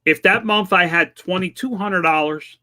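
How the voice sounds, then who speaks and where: A man in his fifties talks in a casual, plainspoken way as he answers viewer questions on his channel. His voice sits a touch high and has a bright, forceful edge. He comes across as self-deprecating and conversational. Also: normal speed. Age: 50s. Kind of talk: casual chat.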